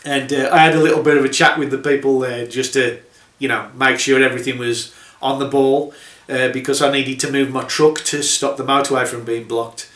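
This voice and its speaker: A man's voice: medium pitch, flat delivery, a little fast, fairly bright tone, roomy sound. A middle-aged man telling trucking stories in a casual, dry, sardonic way, chuckling at his own jokes. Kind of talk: casual anecdotal storytelling.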